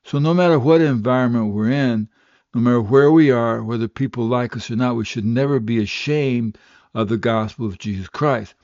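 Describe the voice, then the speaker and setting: An older man preaching a radio sermon and telling his own testimony, in an earnest, steady storytelling manner. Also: medium pitch, moderate pace, no room sound. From West Africa. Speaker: radio pastor. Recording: slightly dull, dry radio recording.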